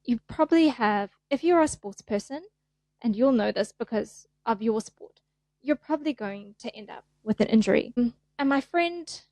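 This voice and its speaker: A fascia therapist appearing on a casual podcast interview, this middle-aged South African woman chats in a relaxed, self-deprecating way and performs little voices. Her voice is on the high side with a darkish tone, and there's no room sound.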